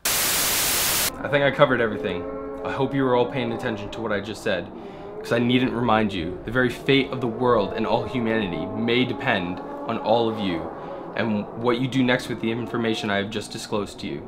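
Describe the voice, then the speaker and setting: A man's voice: fairly low pitch, normal speed, close to an everyday voice. An actor playing a grave man broadcasting an urgent message to survivors in a comedic short film. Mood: solemn. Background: music.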